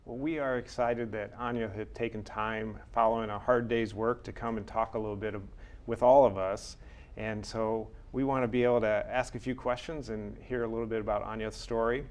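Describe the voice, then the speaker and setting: A man's voice: on the low side, steady tone, a little fast. A man interviewing a homeowner, asking friendly questions with some restarts. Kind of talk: casual interview.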